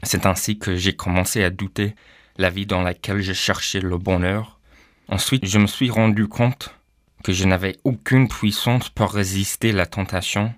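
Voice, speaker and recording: Low-voiced hesitant man. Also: steady tone, moderate pace, dry recording. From Canada. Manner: hesitant, frequent "euh" fillers. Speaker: pastor, guest. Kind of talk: personal testimony.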